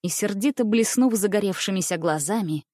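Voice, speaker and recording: A woman reading a story aloud as narrator, in a steady, even manner. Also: mid-range voice, a little fast, no echo, clean studio sound. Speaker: audiobook narrator. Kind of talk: scripted narration.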